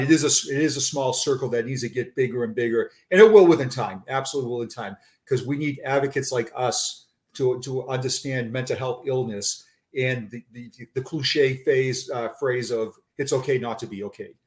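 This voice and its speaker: Middle-aged Boston man, halting and conversational. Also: medium pitch. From Massachusetts, United States. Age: 50s. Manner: halting, repeats words and phrases. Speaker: interview guest, retired police officer. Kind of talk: conversational personal account.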